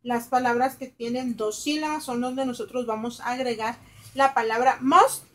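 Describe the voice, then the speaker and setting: A woman teacher explaining English grammar rules in Spanish, reading example sentences slowly and translating them, with fillers and self-corrections. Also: fairly high pitch, steady tone. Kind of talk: recorded grammar lesson.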